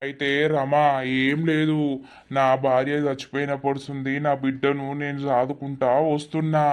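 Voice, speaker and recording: Woman voicing a low earnest widowed husband. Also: a little mellow. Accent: Telangana Telugu. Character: gentle widowed village husband, caring father. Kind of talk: animated village story dialogue.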